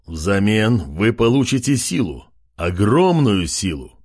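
A pompous tentacled king, as a man puts him on talks slowly and heavily. His husky voice rolls up and down with haughty menace. Every word sounds like a royal decree. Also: on the low side, big pitch swings, a little mellow, exaggerated voice.

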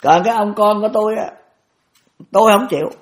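A man's voice: high-pitched, a little fast, voice pushed up. An elderly man quoting a blunt, disapproving old village woman in his own voice.

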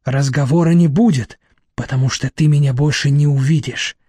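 A man's voice: fairly high pitch, moderate pace, dark tone, husky, dry recording, clean studio sound. A man doing a cold, petulant husband.

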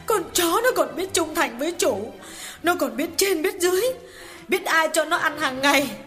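Shrill, cursing betrayed wife near thirty, high and sharp. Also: male voice, lively intonation, normal speed, soft background music, exaggerated voice. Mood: sobbing. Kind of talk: audiobook character voice.

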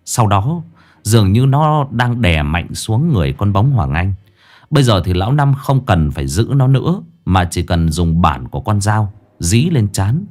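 A man narrating a ghost story with an expressive, dramatic reading. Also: on the low side, normal speed.

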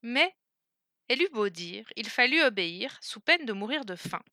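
A woman narrating a fairy tale in a clear, measured storytelling manner. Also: fairly high pitch, sing-song, sharp tone, no echo, studio quality.

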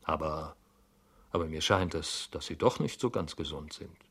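A man voicing a concerned middle-aged male office chief who asks gently, full of fillers, in an audiobook reading. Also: rumbling low, moderate pace, slightly rough, heavily acted. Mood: puzzled, concerned.

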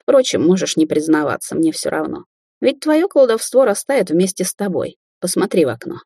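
A woman's voice: fairly low pitch, big pitch swings, moderate pace, vocal fry, mellow, husky, no echo, clean studio sound, exaggerated voice. A woman voicing a smug, cruel adult sorceress in an audiobook, theatrical and mocking, sliding into hissed threats. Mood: vicious.

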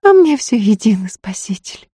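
A woman voicing a desperate young peasant woman who begs in a hoarse, breathless voice. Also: mid-range voice, sing-song, normal speed, mellow, dry recording, clean studio sound, pitched above the performer's own voice. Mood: eager. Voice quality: hoarse from agitation. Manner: pleading, breathless.

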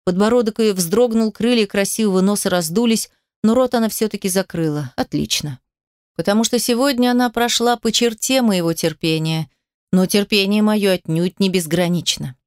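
A woman's voice: mid-range voice, normal speed, a little mellow, clean tone, no echo. Woman reading an audiobook, dry close sound. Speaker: audiobook narrator. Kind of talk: scripted first-person narration.

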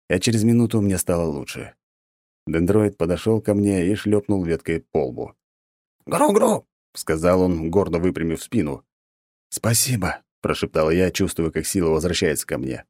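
A man reading a first-person audiobook with an expressive, animated delivery. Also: low voice, normal speed, no echo, studio quality. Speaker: audiobook narrator. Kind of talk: scripted first-person narration.

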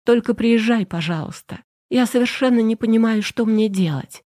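A woman's voice: a little high, normal speed, dark tone, no echo, clean studio sound, voice pushed up, close to an everyday voice. A sobbing, stammering young woman, as a female reader puts her on. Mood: tearful panic. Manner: tearful, breathless, stammering.

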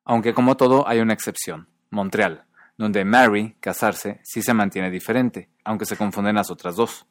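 A man hosting a podcast, giving a scripted, clear explanation and slowly repeating example words to show each sound. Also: on the low side, no room sound. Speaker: podcast host. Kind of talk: scripted educational narration.

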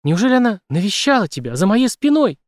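A man's voice: sits high, very animated, fast talker, no echo, studio quality, voice pushed up. A man reading an audiobook, voicing a frightened young woman in a raised, strained, pleading voice.

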